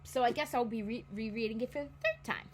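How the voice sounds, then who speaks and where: A young woman in her twenties, a book vlogger, chats casually and fast, rambling and often stopping mid-sentence to correct herself. Her voice is at an ordinary pitch for a woman, with a faint hum running underneath.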